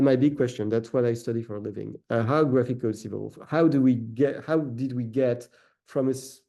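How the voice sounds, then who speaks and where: Lecturing academically, a French-accented man whose native tongue is French sprinkles his talk with "uh"s and corrects himself often. The researcher's voice is medium in pitch and mellow.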